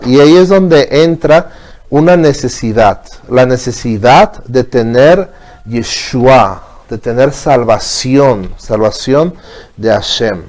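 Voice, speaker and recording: A man's voice: mid-range voice, a little mellow. Man giving a patient religious lesson. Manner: explains patiently, asks "¿bien?" often. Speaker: teacher. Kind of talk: religious teaching.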